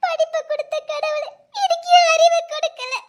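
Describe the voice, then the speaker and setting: A woman's voice: very high voice, quick pace, sharp tone, no room sound. A woman acting a grieving, wronged young woman, speaking with a Tirunelveli Tamil accent in a trembling, tearful voice. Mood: weeping despair.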